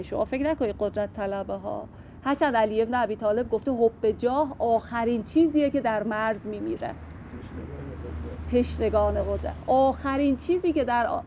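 A woman's voice: a little high, dark tone, a little hiss or hum. A woman teaching classical poetry, reading verses aloud and thinking them through as she explains. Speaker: literature teacher.

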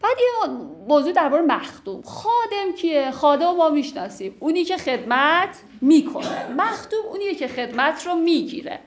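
A woman teaching classical poetry, explaining the lines in a chatty way and reciting the verses slowly and with care. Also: very high-pitched. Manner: slow, measured recitation of verse, lively conversational explanation.

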